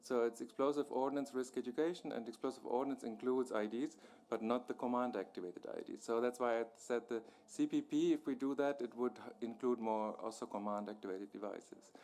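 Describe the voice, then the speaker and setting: A man's voice: medium pitch, fairly quick, hardly any pauses, darkish tone. A man answering questions on a panel, explaining at length with many restarts and fillers.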